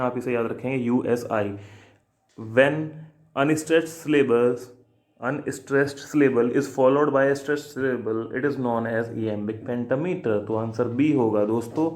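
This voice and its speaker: A man teaching an exam-prep lesson, reading English questions slowly and then explaining them in a chatty way. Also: medium pitch, a little mellow. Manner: addresses viewers as friends, reads English questions slowly then explains in Hindi.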